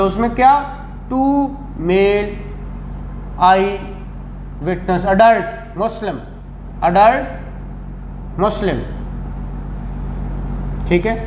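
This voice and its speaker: High-sitting and darkish, the voice belongs to a man with a Pakistani accent teaching law in a classroom. He works through the material didactically with rhetorical questions and repeated key phrases, and the indoor recording is echoey with faint noise.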